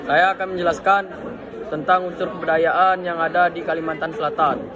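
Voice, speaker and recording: A man's voice: a little high, steady tone, moderate pace, crowd noise. Teen boy reading a school report. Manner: reads a prepared text aloud with slips and restarts. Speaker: student presenter.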